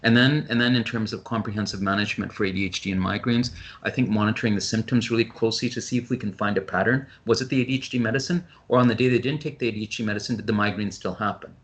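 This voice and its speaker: Low-voiced man lecturing on a video call. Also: fairly even intonation. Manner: brisk, explanatory, with frequent ums and restarts. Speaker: physician presenting a webinar. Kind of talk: webinar presentation.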